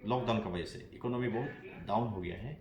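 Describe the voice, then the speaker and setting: Earnest police officer, low voice, echoey. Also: male voice. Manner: earnest, halting, many restarts, mixes English phrases. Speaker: police officer being interviewed. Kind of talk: interview answers. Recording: echoey, crowd noise behind.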